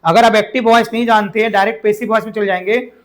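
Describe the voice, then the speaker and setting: A man teaching English grammar to a class, slowly repeating example sentences with an Indian accent and calling students "brother" and "dear". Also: high voice, fairly even intonation. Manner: drills phrases slowly and asks the class to repeat.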